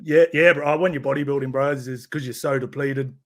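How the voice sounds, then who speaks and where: A man with a broad New Zealand accent in a relaxed podcast conversation. He sits at a middling pitch and talks in loose, laid-back slang, tagging his phrases with "bro". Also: fairly quick. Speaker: podcast guest. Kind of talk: casual chat.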